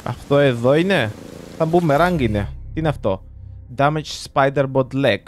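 A young man, chatting through live gameplay commentary and reacting loudly to what happens on screen. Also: mid-range voice, animated, soft background music. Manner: chatty, reacts loudly to the game, mixes in English words. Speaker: gaming YouTuber.

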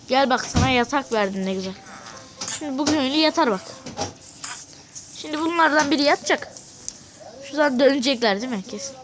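A young gamer with a Turkish accent giving excitable, casual gameplay commentary and scolding the game characters. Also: sits high, a little hiss or hum. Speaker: gaming video creator.

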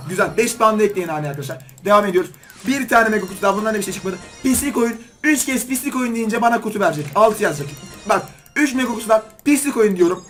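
Fast, high-voiced excitable man gaming. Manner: excitable, pleading with and scolding the game. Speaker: gaming YouTuber. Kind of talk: excited game commentary while opening loot boxes.

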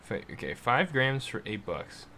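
A man casually commenting while playing a game, excitable and swearing freely, reading the game's dialogue aloud. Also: mid-range voice, measured pace, slight background noise. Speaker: gaming video host. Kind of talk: casual let's play commentary.

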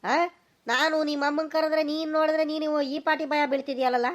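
A woman's voice: high voice, steady tone, brisk, voice pushed up, natural voice. Woman voicing a stern suspicious village father. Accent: rural Karnataka Kannada. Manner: scolding, demanding questions.

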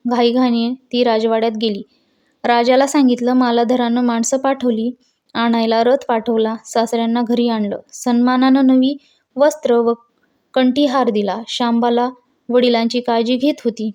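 Woman reading a devotional tale, mellow. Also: on the high side. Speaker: storyteller. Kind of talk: devotional story narration.

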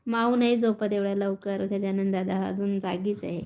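A woman's voice: medium pitch, fairly even intonation, moderate pace, warm tone. A woman chatting casually on a phone live stream, reading out viewer comments and laughing often. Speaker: vlogger reading live chat.

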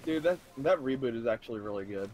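A young man chatting casually with a friend over a game, relaxed and swearing freely. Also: mid-range voice, fast, a little hiss or hum, poor audio. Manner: laid-back, swears freely. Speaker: co-player, friend. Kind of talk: casual chat while gaming.

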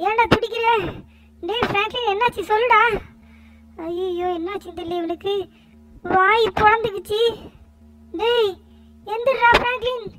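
A man's voice: very high-pitched, moderate pace, long pauses, a crowd in the background, voice pushed up. A man voicing Shinchan, a cheeky and emotional little cartoon boy, who whines and calls out to his friends. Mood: worried. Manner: whiny childlike calling out to friends.

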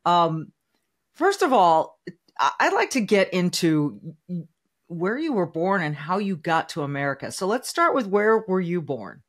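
A woman's voice: lowish voice, very animated, a little slow. Upbeat woman podcast host. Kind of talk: interview podcast intro. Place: home office with shelves. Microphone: studio microphone on arm.

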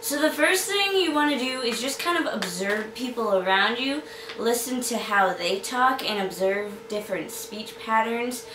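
A woman's voice: on the high side, moderate pace, background noise. A young woman with a slight Boston accent, an author giving chatty, upbeat writing tips with lots of fillers. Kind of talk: casual tutorial talk to camera. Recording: echoey room, mic at a distance.

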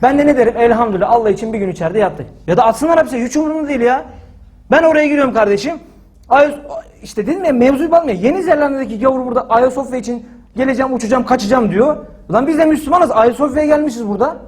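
A man telling a story in casual talk, animated and indignant, acting out the lines of the people in it. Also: extremely high pitch, very fast, breathy edge. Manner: animated, acts out quoted dialogue with frequent "dedim"; indignant and emphatic.

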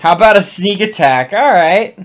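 A woman commentating casually over a video game she is playing, reacting out loud, laughing and swearing freely. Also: mid-range voice, expressive, moderate pace. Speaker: let's play gamer.

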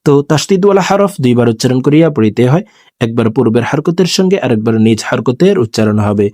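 A man teaching scripture reading who spells out each word, then chants it in a slow, drawn-out way between brisk explanations to his viewers. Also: mid-range voice, lively intonation, dark tone, no echo, studio quality. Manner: addresses viewers directly. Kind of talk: spelling-out recitation lesson.

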